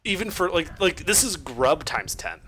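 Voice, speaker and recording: A man's voice: a little high, big pitch swings, moderate pace, crowd noise. A man acting as game master, casually narrating a tabletop role-playing game and calling turns.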